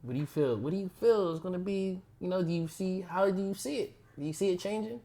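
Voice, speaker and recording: A woman's voice: on the low side, fast, dark tone. A woman hosting a podcast interview, asking loose, rambling questions in casual slangy talk. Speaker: podcast host.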